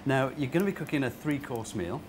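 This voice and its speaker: A man's voice: medium pitch, expressive, a little fast. A man presenting a cooking show on location in a restaurant kitchen, upbeat and chatty, asking leading questions. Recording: noisy kitchen location sound.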